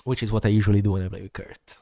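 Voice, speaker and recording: A man's voice: fairly low pitch, level tone, racing, creaky, dark tone. A man with an Italian accent co-hosting a casual podcast from a home studio, rambling and teasing with frequent laughs. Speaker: podcast co-host. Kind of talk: casual chat.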